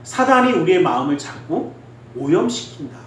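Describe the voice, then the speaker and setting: A male pastor preaching a sermon in earnest, exhorting tones, swinging between loud emphasis and quiet asides. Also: fairly high pitch, very animated, moderate pace, a little hiss or hum. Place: church sanctuary. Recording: very echoey hall, distant mic.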